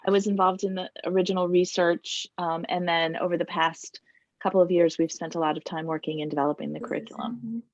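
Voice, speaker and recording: Woman curriculum developer, lowish voice, measured, dry and dull call audio. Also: steady tone, darkish tone, no echo. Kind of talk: casual video call chat.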